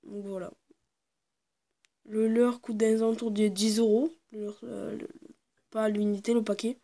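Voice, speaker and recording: A woman casually presenting her fishing lures to the camera, hesitant and full of fillers, sometimes dropping into quiet asides. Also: fairly high pitch, little pitch movement, unhurried. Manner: hesitant, constant fillers and "voilà"; drops into quiet muttered asides. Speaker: fishing video maker.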